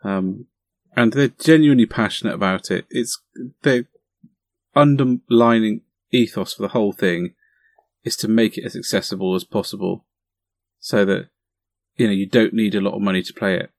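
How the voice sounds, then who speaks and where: An eager man with a slightly low voice, recorded dry and close to the mic. He chats keenly and encouragingly with his co-host, with plenty of fillers. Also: normal speed, dry recording. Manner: enthusiastic, encouraging, chatty. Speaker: podcast co-host. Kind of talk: casual chat about tabletop wargaming.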